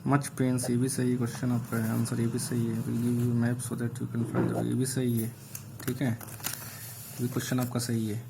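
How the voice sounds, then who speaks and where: A male English teacher going through exam questions one by one, reading each aloud slowly and explaining the answers. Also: medium pitch, completely flat delivery, creaky, background noise. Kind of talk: online exam answer review.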